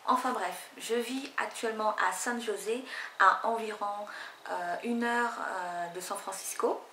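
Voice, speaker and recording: A woman's voice: mid-range voice, a little slow, sharp tone, slight background noise. A young woman from French Guiana, chatting through a casual hair tutorial with lots of fillers and restarts. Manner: chatty, rambling, many fillers. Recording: echoey room.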